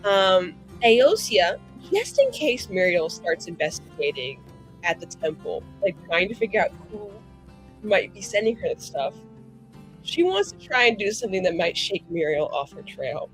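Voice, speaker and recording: In a rough recording with soft music faintly behind her, a young woman excitedly chats through a tabletop game. Her mid-range voice is very animated at a moderate pace, and her manner is theatrical, mischievous and sweary.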